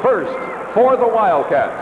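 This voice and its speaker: An echoing, distant stadium announcer, a man with a high, swooping delivery. He gives formal lineup introductions over a public address system and stretches them out dramatically. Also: very animated, slow. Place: large indoor basketball arena. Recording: echoey distant arena PA, muffled, loud noise. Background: loud crowd noise.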